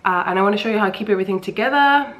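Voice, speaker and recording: This vlogger, a woman in her thirties with young children, talks casually and self-deprecatingly at home, wandering from point to point. Her mid-range voice races along, slightly bright and congested, pinched and nasal. Faint background noise is present.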